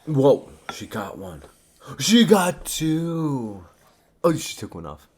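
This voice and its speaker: Animated parent chatting to a small child. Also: medium pitch, slow pace, husky. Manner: coaxing, sing-song questions to a child. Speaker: parent hosting a family eating video. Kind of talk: casual chat with a small child.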